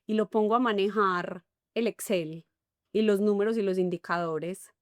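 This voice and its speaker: Woman, middle-aged, Colombian paisa accent, expressive interview guest, dry close sound. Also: mid-range voice, moderate pace, no echo. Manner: animated, acts out little dialogues. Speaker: guest, enneagram coach. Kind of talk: conversational interview.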